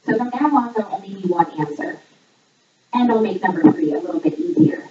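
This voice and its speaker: A woman presenter reads quiz questions and answers in a scripted trivia voice-over for a fundraiser, her mellow voice fairly quick. The audio was played back in a room during filming and picked up by a far camera, so it sounds echoey, distant, muffled and low-quality.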